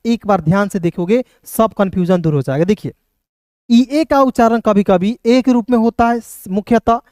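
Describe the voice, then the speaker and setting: In a clean studio recording with no echo, a man with a high, smooth voice teaches an English lesson in classroom style. He explains things step by step, often asks questions, and frequently calls his viewers friends.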